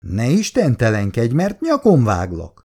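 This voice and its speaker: A man's voice: medium pitch, wildly swooping pitch, darkish tone. A man voicing a worried middle-aged mother who frets, scolds and laments. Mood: fretful scolding. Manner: fretful, complaining and lamenting.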